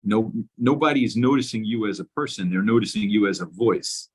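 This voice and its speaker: A man's voice: on the low side, fairly quick, breathy edge. A man from New York hosting a casual interview over a video call, often rephrasing as he goes. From Brooklyn, New York. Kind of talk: casual chat.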